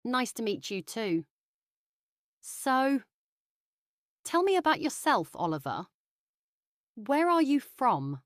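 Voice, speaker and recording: A woman with a British accent playing a friendly young office worker in a slow, carefully spoken practice dialogue. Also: fairly high pitch, big pitch swings, no room sound, clean studio sound.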